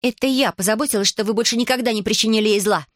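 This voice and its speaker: A woman's voice: a little high, very fast, no room sound, voice pushed up, lightly acted. Woman reading as a cheeky young sorceress, confident bold delivery, dry close sound. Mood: cocky.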